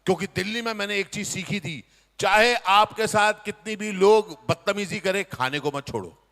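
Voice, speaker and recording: A man telling a comic story live on stage, animated and teasing the people in front of him. His voice sits high and bright for a man, and a long reverb of the hall trails behind him. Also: moderate pace, creaky. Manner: animated, addresses and teases the audience. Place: community hall before an audience.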